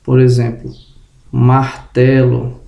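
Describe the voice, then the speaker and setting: A man giving a spoken grammar lesson, slowly drawing out example words and checking in with the viewer, slightly groggy and tripping over words. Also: medium pitch, completely flat delivery, vocal fry, reverberant, dull audio. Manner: tag questions to the viewer. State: just woke up, tongue tripping. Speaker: teacher.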